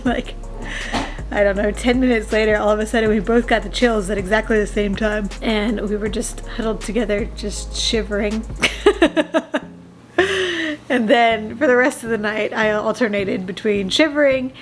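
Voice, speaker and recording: A woman's voice: fairly high pitch, unhurried, faint music behind. A young woman vlogging in a chatty way, a little out of breath, correcting herself and laughing between sentences. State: slightly out of breath. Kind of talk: casual personal vlog.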